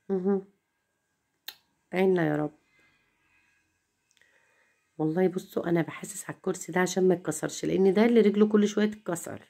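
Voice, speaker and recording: Fast-talking Egyptian woman, gravelly and low. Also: mellow. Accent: Egyptian Arabic. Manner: complaining, repeats herself, talks straight to viewers. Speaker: home vlogger. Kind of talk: chatty cleaning vlog.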